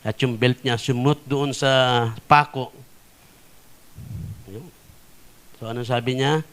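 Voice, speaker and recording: A man's voice: medium pitch, fairly even intonation, takes it slowly, fairly bright tone, smooth. A man with a Filipino accent preaching a sermon as a pastor, telling stories and often asking the congregation "Amen?" as he slips between languages. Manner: storytelling preacher, mixing English phrases, frequent "Amen?" to the congregation. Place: church.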